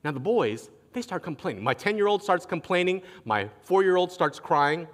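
A man preaching a sermon as pastor, telling stories in an animated way and acting out what others say. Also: sits high, moderate pace. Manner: animated storytelling, acting out quotes. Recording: long reverb of a large hall.

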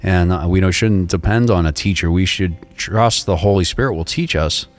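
A man in a casual faith discussion, animated, repeating himself and laughing often. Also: deep voice, normal speed, faint music behind. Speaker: co-host.

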